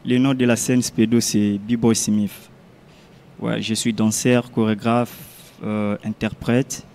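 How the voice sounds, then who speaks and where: A man, a dancer and choreographer, answering interview questions haltingly with many fillers. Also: lowish voice, little pitch movement, a little mellow. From DR Congo. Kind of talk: casual interview. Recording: faint background noise.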